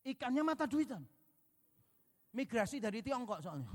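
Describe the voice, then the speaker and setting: Male pastor, sermon, high-pitched voice, lively storytelling with acted dialogue, long church reverb. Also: normal speed. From Indonesia. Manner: storytelling, acts out dialogue, jokes with congregation. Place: large church hall.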